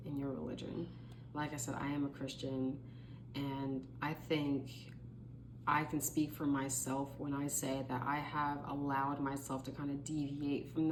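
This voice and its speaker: A woman in her late twenties speaks to the camera in a deep voice, with background noise behind her. The vlogger gives casual motivational advice, earnest and chatty, filling her talk with lots of "like" and "you know."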